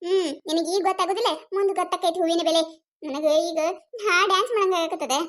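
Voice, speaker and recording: A woman's voice: very high voice, fast, a bit bright. A woman doing a timid village gossip. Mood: fretful. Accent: North Karnataka Kannada. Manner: fretful, repeats worried phrases.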